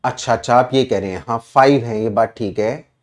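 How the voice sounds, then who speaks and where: A man's voice: mid-range voice, brisk. A man with an Indian English accent teaching an online exam-prep English class, explaining answers step by step and quizzing his students.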